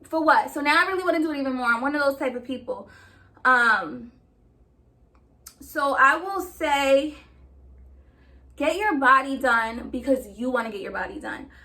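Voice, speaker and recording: A woman's voice: high voice, moderate pace, long pauses, pushed and bright. A woman chatting casually to her viewers in an emphatic, sassy, slangy way, a little short of breath. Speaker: vlogger.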